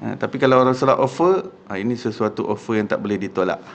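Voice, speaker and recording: A man with a Malaysian accent giving a religious lecture in a mosque hall, telling stories in a lively, conversational way with frequent "ha" and "ya". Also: fairly low pitch, quick pace, vocal fry, slight background noise. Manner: animated, conversational with frequent "ha" and "ya" fillers.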